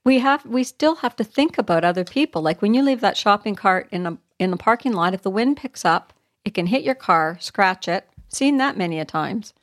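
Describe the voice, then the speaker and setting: Woman, middle-aged, podcast co-host, animated casual chat, dry close mic. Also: mid-range voice, brisk, no echo.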